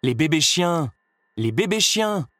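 A man reading a storybook aloud, raising his voice to play a shrill, domineering society woman. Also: sing-song, moderate pace, background noise. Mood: insistent. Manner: raised pitch, insistent, dramatic.

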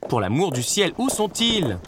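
A man reading a storybook aloud, raising his voice to play a shrill, domineering society woman. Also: sing-song, moderate pace, background noise. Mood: insistent. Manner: raised pitch, insistent, dramatic.

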